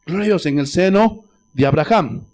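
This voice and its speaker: Fervent high-voiced male pastor. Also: lively intonation, normal speed. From Bolivia. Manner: fervent, rising to shouts and dropping to near-whispers; peppers speech with "gloria a Dios". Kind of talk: sermon.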